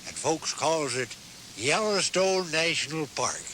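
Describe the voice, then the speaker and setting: Lively folksy old prospector, Western drawl. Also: male voice, a little high, measured pace, a little hiss or hum, full character voice, rough recording. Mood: yarn-spinning, sly. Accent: American Western. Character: folksy old-time cowboy prospector spinning tall tales, chuckling. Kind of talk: folksy tall-tale promotional film narration. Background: music.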